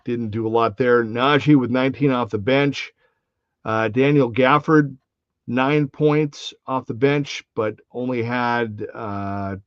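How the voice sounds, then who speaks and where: A man's voice: mid-range voice, dry recording, dull audio. A man hosting a podcast, giving a casual post-game basketball recap with lots of fillers and restarts. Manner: conversational, many fillers and restarts. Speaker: podcast host.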